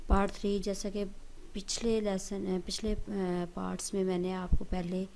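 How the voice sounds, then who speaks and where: A woman's voice: mid-range voice, flat delivery, gravelly, warm tone, slight background noise. A woman giving a patient, step-by-step language lesson, often checking in with "right?". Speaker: English teacher.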